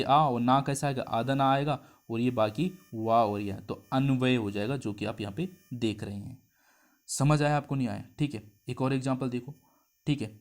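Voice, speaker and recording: A man teaching a Hindi grammar lesson in a middle-pitched voice. He breaks each step down and keeps checking whether his listeners follow. He stretches syllables out slowly and says them over. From India. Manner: explains step by step, asks the class questions. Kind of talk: exam-prep lesson.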